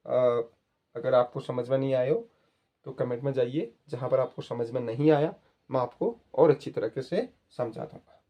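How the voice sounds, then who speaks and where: In a muffled recording, a man with a medium-pitched voice speaks at normal speed while giving a Hindi spelling and pronunciation lesson. He explains patiently, repeats words and addresses viewers as children.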